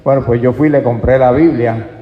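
A man preaching a sermon in a church, calling his listeners "brother" and swinging from soft, slow lines to loud, emphatic ones. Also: mid-range voice, steady tone. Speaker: pastor. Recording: echoey church hall, dull lo-fi sound.

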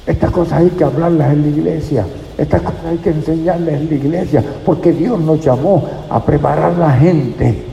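Gravelly-voiced preacher in an echoey hall. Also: male voice, fairly high pitch, normal speed, few pauses, dark tone, slight background noise. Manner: earnest, addresses listeners as brother. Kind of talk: sermon. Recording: echoey hall with faint ambience.

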